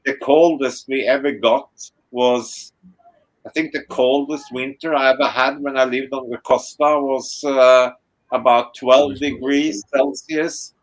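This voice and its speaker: A man from Norway, mid-pitched, talks in an easygoing, drawn-out way, full of fillers and the odd curse. He is chatting casually with friends on an online video call. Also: fairly even intonation, rough recording. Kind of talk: casual group chat.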